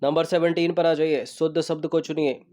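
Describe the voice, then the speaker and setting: Man drilling correct spellings, mellow voice. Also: fairly high pitch, little pitch movement. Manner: repeats each correct word slowly to drill it; checks in with students and asks them questions. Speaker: exam coaching teacher. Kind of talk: explaining a Hindi spelling test.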